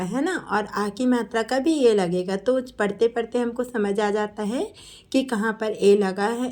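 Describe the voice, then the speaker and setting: A woman teacher works through a spelling lesson at a very slow, deliberate pace. Her voice sits a little high, and she stretches each name out syllable by syllable as she dictates it. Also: a little mellow. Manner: drawn-out, syllable-by-syllable dictation of names.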